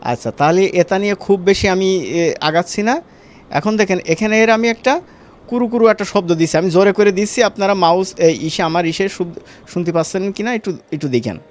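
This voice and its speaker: A man's voice: high voice, moderate pace. A man with a Bangladeshi Bengali accent teaching an animation class live, casual and chatty, talking students through each click. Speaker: animation course instructor. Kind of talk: live online class demonstration.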